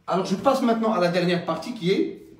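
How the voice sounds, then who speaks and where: A man teaching a French grammar lesson, explaining slowly and haltingly with many fillers and frequent checks like "d'accord?". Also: high voice, slight background noise. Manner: slow, halting explanation with many fillers and rising question tags. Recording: roomy, from some distance.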